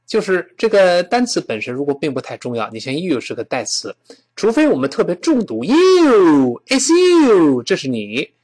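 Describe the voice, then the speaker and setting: Lively-voiced man teaching phrases. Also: medium pitch. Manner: explains patiently, models English phrases slowly and repeats them. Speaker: English teacher. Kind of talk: spoken English lesson.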